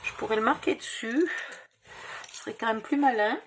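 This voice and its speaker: A woman's voice: on the high side, moderate pace, noisy background. A woman with a slight Provençal accent, hosting a casual crafting tutorial, thinking aloud over measurements and correcting herself. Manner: muttering measurements, self-correcting.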